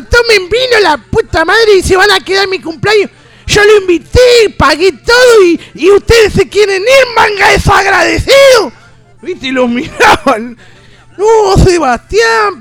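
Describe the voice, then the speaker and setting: Man voicing a rambling rustic countryman, very high voice, wild swoops, shouting. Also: dry recording, full character voice. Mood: excited, rowdy. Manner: shouting, rambling, constant "¿viste?". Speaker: comedy guest. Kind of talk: comic storytelling in character on radio. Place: radio studio.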